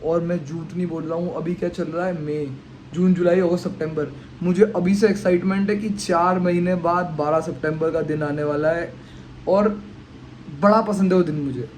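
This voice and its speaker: A man's voice: a little high, steady tone, moderate pace, a little mellow, slight background noise, rough recording. A man in his twenties from India talking casually and reflectively to his camera, slipping English words into his speech. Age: 20s. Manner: musing, conversational, mixes in English words. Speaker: vlogger.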